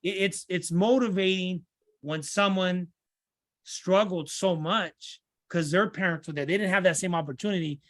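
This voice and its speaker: An earnest middle-aged man from Santa Ana, California, talks through his life story as a guest in a podcast interview conversation. His voice sits a bit high at normal speed, recorded dry and close with no room sound, and he restarts and repeats phrases as he finds his words.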